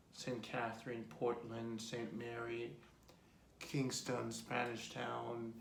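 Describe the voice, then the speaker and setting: A man in his fifties with a Jamaican accent, telling his life story in a relaxed, rambling interview with many ums. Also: mid-range voice, vocal fry, slight background noise. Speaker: host being interviewed by his daughter. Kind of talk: casual personal interview. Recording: echoey room.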